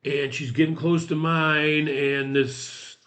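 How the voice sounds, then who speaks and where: A man's voice: fairly high pitch, slow pace. Man in his sixties telling a story. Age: 60s. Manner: animated retelling, acts out quoted dialogue. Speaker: podcast guest. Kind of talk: casual storytelling.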